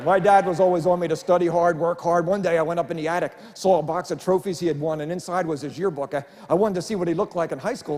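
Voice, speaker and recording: The voice is on the high side and a little mellow: a middle-aged man doing wholesome, self-mocking stand-up on a church stage for a live audience. His delivery is chatty, and the live hall gives long reverb and faint room noise.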